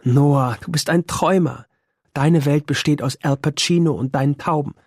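A determined teenage girl, as a male narrator puts her on, speaking with quiet, firm resolve. Her voice sits higher and has a slightly husky edge. The audiobook sound is close and dry. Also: moderate pace, dry recording. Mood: calm resigned. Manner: calm, firm, raised pitch. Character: determined teenage girl, resigned yet teasing. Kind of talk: audiobook character voice.

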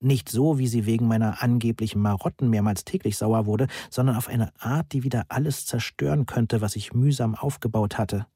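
A man reading a first-person story aloud in a measured, deadpan manner, close to the mic. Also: medium pitch, husky, no room sound. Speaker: audiobook narrator. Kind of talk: first-person scripted narration.

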